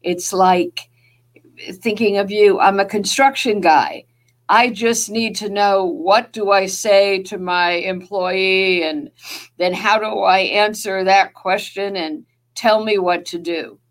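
A woman with a New Jersey accent, a guest author in an interview, speaking thoughtfully and measured, with pauses and fillers. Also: mid-range voice, steady tone. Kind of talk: podcast interview.

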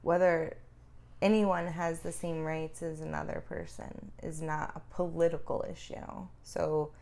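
A woman's voice: sits low, little pitch movement, unhurried, creaky, a little mellow. A woman co-hosting a casual advocacy talk, informal and emphatic, repeating herself to drive points home. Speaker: co-host.

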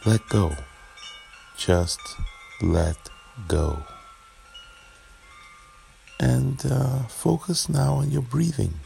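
A man with a very low, heavily creaky voice leads a guided meditation. He speaks very slowly and gently, leaving long pauses between short phrases. Ambient chimes and background noise sit under his soothing delivery.

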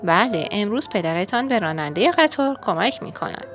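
A woman voicing a brisk, caring farm mother who hurries her children along in a children's storybook. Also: medium pitch, very animated, music in the background, lightly acted.

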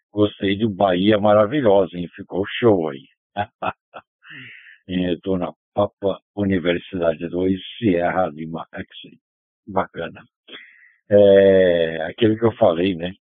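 A man running a ham radio net over a two-way radio, chatting in a relaxed way and passing turns with phonetic call signs. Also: sits low, no echo. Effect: heard over a two-way radio. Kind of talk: casual radio net chat. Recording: narrow dry radio transmission.

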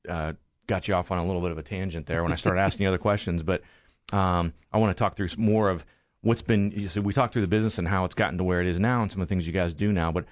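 Low-voiced man hosting a business show. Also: steady tone, quick pace, dry recording, clean studio sound. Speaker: radio business show host. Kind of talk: conversational interview hosting.

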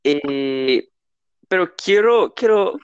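A man whose first language is English, chatting as a beginner learner of Spanish, halting and searching for words and slipping into English. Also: high-pitched, expressive, clean tone, dry recording, dull audio. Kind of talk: casual conversation practice.

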